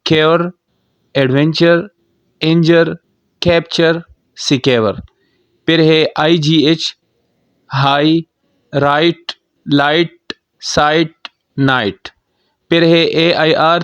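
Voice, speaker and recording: A man teaching phonics, calmly explaining definitions and reading word lists. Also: on the high side, no room sound, muffled recording. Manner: slow, deliberate, reads definitions and word lists aloud. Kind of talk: classroom explanation.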